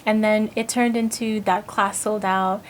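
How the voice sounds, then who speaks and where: A woman born in Haiti and raised in Brooklyn, a linguist speaking calmly and articulately as a guest on a TV show. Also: mid-range voice, measured pace, slight background noise. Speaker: linguist and institute director, guest. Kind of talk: TV interview.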